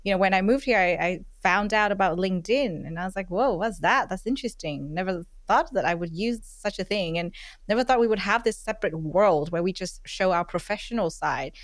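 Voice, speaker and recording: A woman's voice: medium pitch, brisk, dry recording. A woman hosting a podcast interview over a remote recording, friendly and chatty with frequent fillers. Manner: friendly, many fillers, laughs often. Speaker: podcast host. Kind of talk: casual interview chat. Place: recorded virtually, remote call.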